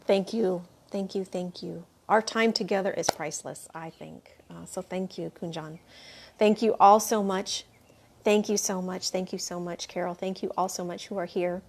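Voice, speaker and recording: A woman hosting a spiritual livestream, gushing over viewer comments and thanking everyone again and again while she clears her throat now and then. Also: lowish voice, fairly even intonation, moderate pace, a little hiss or hum. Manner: reads viewer comments aloud and answers them. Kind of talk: live chat after a meditation.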